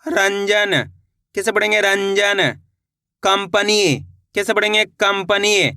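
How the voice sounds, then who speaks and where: In a clean studio recording with no echo, a man with a high, gravelly, bright and forceful voice speaks slowly and flatly, his tone clean. He teaches Hindi reading by sounding out every word one syllable at a time and repeating it, calling his viewers friends and encouraging them throughout this slow lesson.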